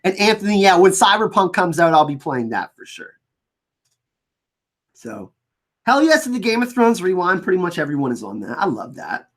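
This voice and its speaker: Here a livestream host with a French Canadian accent sounds very animated at a medium pitch. They keep things casual, reading out comments from viewers while often stumbling and repeating themselves.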